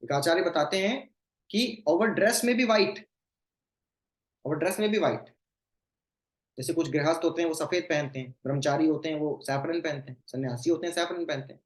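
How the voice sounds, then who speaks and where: A devotional scripture teacher with a mid-pitched voice, recorded in a roomy, echoing space. Sanskrit verses come out slow and measured, followed by explanations with English phrases woven in. Rhetorical questions close with a "hmm?". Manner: recites Sanskrit verses slowly, then explains them; mixes English phrases into the talk. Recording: roomy echo.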